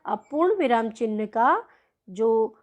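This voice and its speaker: A woman teacher, slowly and patiently explaining a worksheet lesson to young children. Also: a little high, lively intonation, a little mellow, highs cut off. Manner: slow, patient, addresses children often.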